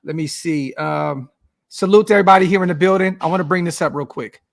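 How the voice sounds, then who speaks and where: High-voiced man reading viewer comments. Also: fast talker, creaky. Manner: relaxed, slangy, reads comments aloud. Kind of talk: casual podcast chat.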